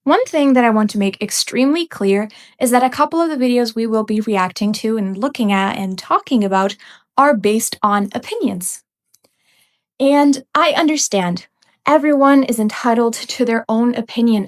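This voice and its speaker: A young woman hosting a podcast goes on an unscripted rant, blunt and emphatic, laughing now and then. Her voice is somewhat high and slightly stuffy from a cold, at a moderate pace.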